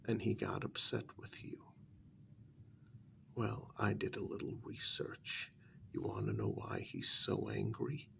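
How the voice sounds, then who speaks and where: In an ASMR role-play, a man half-whispers in a breathy, creaky voice, delivering short phrases in a deliberate, halting way. His voice is lowish with big swings in pitch, and there's slight background noise.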